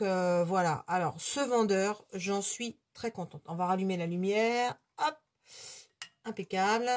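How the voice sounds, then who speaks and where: A woman's voice: medium pitch, darkish tone. A woman hosting her own hobby channel at home, giving a casual, unscripted product review in a chatty, hesitant way full of fillers.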